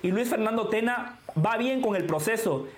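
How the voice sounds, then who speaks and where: A male football pundit with a fairly high voice makes his points earnestly and with emphasis. The room around him sounds echoey. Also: moderate pace. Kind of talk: sports talk show commentary.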